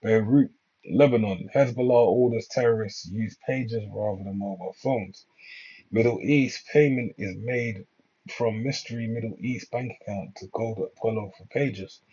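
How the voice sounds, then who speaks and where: A man with a fairly low, mellow, slightly rough voice gives informal news commentary at a moderate pace, reading items aloud and reacting. He rambles with preacher-like asides and keeps checking in with "all right." The lo-fi microphone sounds dull.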